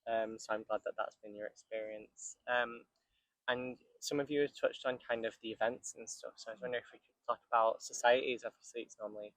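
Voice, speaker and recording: A man's voice: mid-range voice, fairly quick, dry recording, rough recording. A man who works in a university international office, hosting a casual student interview with frequent ums. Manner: relaxed, many ums and kind ofs. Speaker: international office staff host.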